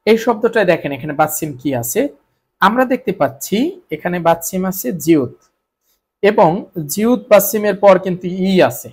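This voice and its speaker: A man's voice: high-pitched, lively intonation, moderate pace, darkish tone, slightly rough. A Bengali-speaking man teaching Korean spelling rules, repeating each point and answering his own questions. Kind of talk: explaining grammar rules to students.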